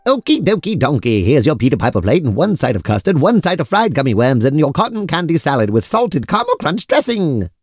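An eager, polite waiter played by a man, with a very animated sing-song delivery. He is formal and obliging, in comic audio drama style, recorded close and dry. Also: on the high side, a little fast, few pauses, dry recording. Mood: eager to please.

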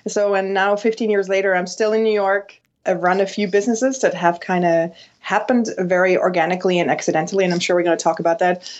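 A woman, a podcast guest telling her story in a relaxed, reflective way. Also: mid-range voice, fast, muffled recording. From Switzerland. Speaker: guest, designer and entrepreneur. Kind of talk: casual interview.

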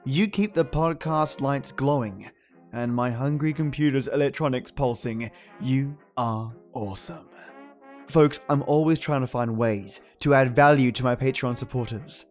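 A male podcast host reads a scripted introduction theatrically, savouring every phrase. He has a medium pitch and a measured pace, with music playing behind him.

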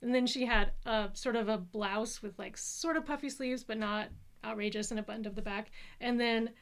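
A woman co-hosting a podcast in casual chat, quick and wry, teasing her co-host and describing details carefully. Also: on the high side. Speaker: podcast co-host, pattern maker.

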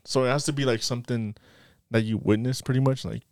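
A man's voice: mid-range voice, steady tone, quick pace, smooth, dry recording, studio quality. A young man in casual conversation, talking like a slangy, swearing frat bro. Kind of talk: casual chat.

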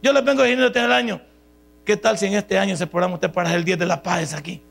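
A man with a Salvadoran accent, a pastor preaching a sermon in a church, telling a story with quoted dialogue and rising into shouts. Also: high voice, steady tone, fast, vocal fry. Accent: Salvadoran Spanish. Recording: mains hum behind the voice.

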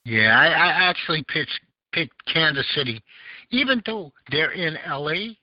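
On dull, lo-fi audio with no echo, a podcast host with a Southern American accent chats casually with callers. His voice is fairly high and animated, moving at a measured pace, and he rambles, groping for words amid many fillers.

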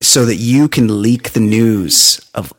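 A man's voice: fairly low pitch, slight background noise. Rambling man hosting a casual talk show. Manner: rambling, halting, repeats himself. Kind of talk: casual comedic chat.

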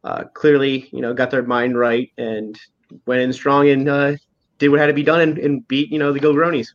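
A man's voice: mid-range voice, level tone, moderate pace. A man who coaches a local club, chatting as a guest on a live stream in an easygoing way, often saying "you know". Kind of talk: casual live-stream chat. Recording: dull lo-fi sound.

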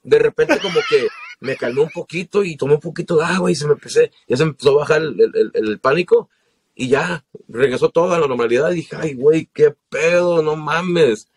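A man's voice: a little high, fast, slightly rough. A man with a Mexican Spanish accent, a singer telling stories in casual podcast chat, slangy and profane.

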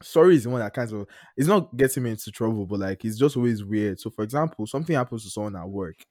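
A man's voice: lively intonation, quick pace, darkish tone, dry recording. A man chatting on a podcast, recorded close and dry with no room sound. He laughs often and restarts his sentences, and he is getting over a cough and cold. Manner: laughs often, stammers on restarts, mimics voices high. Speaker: podcast co-host. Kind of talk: casual podcast chat.

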